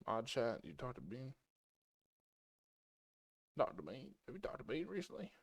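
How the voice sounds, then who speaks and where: A young man co-commentating an esports match in a playful, bantering way, reacting to each fight with quick asides. His pitch rises and falls freely as he talks. The sound is close and dry, as on a headset or desk mic over voice chat. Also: huge pitch swings, creaky, breathy edge, no echo. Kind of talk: casual game commentary.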